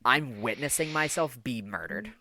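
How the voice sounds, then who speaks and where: A man's voice: mid-range voice, lively intonation, moderate pace, bright, forceful tone. A man co-hosting a casual podcast, telling a long story in a rambling way, full of fillers and the odd swear word. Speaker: podcast co-host. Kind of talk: casual chat.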